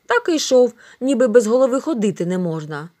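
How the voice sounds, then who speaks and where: A woman's voice: a little high, big pitch swings, brisk, warm tone. A woman voicing a boastful little boy who tells tall tales, in an audiobook reading. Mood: boasting.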